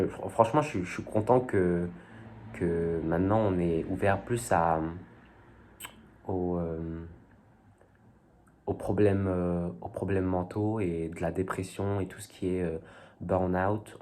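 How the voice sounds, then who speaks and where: A deep, slightly mellow male voice belongs to a young vlogger chatting casually to his viewers. His talk to camera wanders and hesitates, stuffed with fillers and youthful slang.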